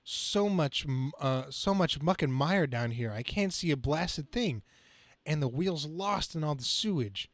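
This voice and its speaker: A man acts out a brash young comic-book superhero full of flippant quips. The voice sits a little high and is recorded fairly dry. The reading is amateur and stumbles now and then. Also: lively intonation, measured pace, dry recording. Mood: flippant, wisecracking. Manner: flippant, quippy, stumbling over the script.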